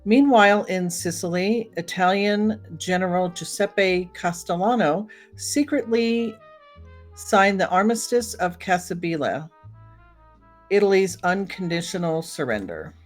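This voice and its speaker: Over soft background music, a woman chats casually with her listeners on her solo podcast about old time radio. Her voice sits on the low side and moves a little slowly.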